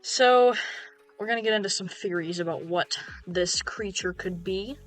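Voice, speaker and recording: A young woman hosting a YouTube video reads from an article casually, with ums and restarts. Her voice is medium-pitched at a moderate pace, and faint music plays in the background.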